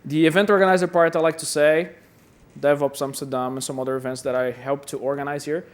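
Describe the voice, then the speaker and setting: Speaking fast in a steady tone that sits on the high side, a man from Brazil delivers a conference-hall talk. He keeps it chatty and self-deprecating, repeating words often.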